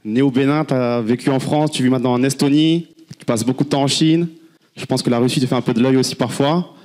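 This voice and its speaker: A man hosting, briskly introducing a guest to an audience. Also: medium pitch, steady tone, darkish tone. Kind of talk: spoken introduction.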